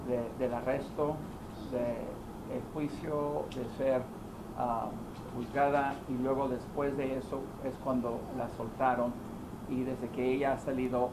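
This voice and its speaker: A man moderates a news conference, his voice pitched in the middle range and measured with hesitant fillers. Clear background noise runs under the recording. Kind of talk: introducing speakers at a press conference. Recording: noisy press room audio.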